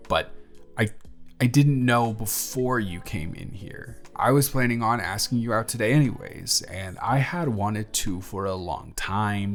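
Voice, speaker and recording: A young male voice actor, on the low side, plays a friendly barista who's smitten in an intimate romantic audio roleplay. He sounds earnest and conversational, candid and slightly flustered.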